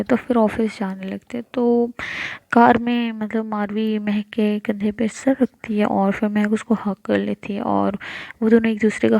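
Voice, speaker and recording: A woman's voice: mid-range voice, vocal fry, mellow, no echo. A woman telling a love story in casual narration, rambling with many filler words and self-corrections.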